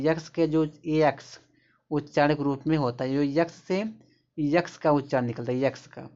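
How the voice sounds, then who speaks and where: Guy teaching english sounds, keeps pointing at examples, kinda muffled audio. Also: a little high. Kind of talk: explaining pronunciation rules in Hindi. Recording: dull lo-fi recording.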